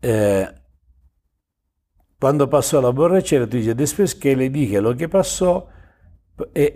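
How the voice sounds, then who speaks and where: A man's voice: mid-range voice, mellow, breathy edge. A man hosting an advice show, answering a listener's message in a casual, blunt way, with slang and swearing. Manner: reads out the listener's words and then comments.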